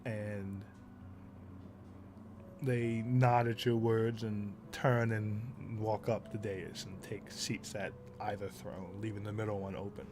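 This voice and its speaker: A man narrating a tabletop game as game master in a slow, deliberate storytelling manner. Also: on the low side, little pitch movement, noisy background.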